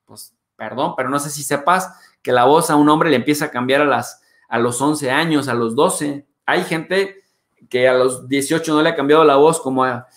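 A Mexican man with a Mexican accent hosting his show, talking in a chatty, animated way with playful swearing. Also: fairly high pitch, moderate pace, reverberant. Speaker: host. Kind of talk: animated casual monologue.

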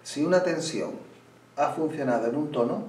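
A man teaching flamenco guitar, explaining slowly and pausing as he plays, sometimes restarting a phrase. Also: fairly high pitch, darkish tone. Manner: unhurried, pauses while playing, restarts phrases. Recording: roomy room, mic at a distance. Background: guitar playing.

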